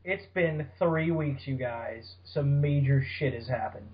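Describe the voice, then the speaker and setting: A podcast host with a medium-pitched voice speaks at a measured pace, chatting casually about fan fiction with plenty of banter and frequent swearing. The audio is dull, lo-fi podcast quality.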